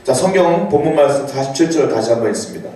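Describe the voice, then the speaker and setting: A man preaching a sermon as pastor, animated, reading scripture aloud and rising to cries for emphasis. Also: medium pitch, fast. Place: church sanctuary. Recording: very echoey church hall, voice from far off.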